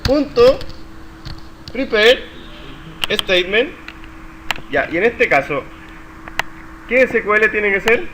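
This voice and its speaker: A man's voice: high voice, very animated, slow pace, long pauses. A man teaching a live university coding class, questioning students and praising their answers. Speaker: university lecturer. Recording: noisy classroom recording.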